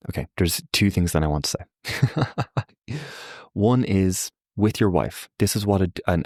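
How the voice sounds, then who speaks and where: Deep-voiced young man musing aloud. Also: no room sound, clean studio sound. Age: young adult. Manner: animated, acts out quoted voices, frequent fillers. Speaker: podcast guest. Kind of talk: reflective conversational explanation. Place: Ireland.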